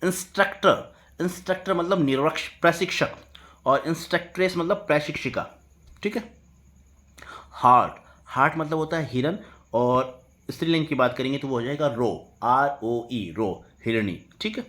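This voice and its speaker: A man teaching English vocabulary. He spells words out slowly letter by letter and keeps checking in with "ठीक है". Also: on the high side, a bit bright.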